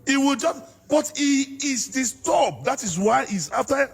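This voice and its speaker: A man's voice: very high-pitched, lively intonation, unhurried, creaky, husky. A Nigerian man arguing politics in a heated interview, fiery and preacher-like, hammering his points. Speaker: political guest.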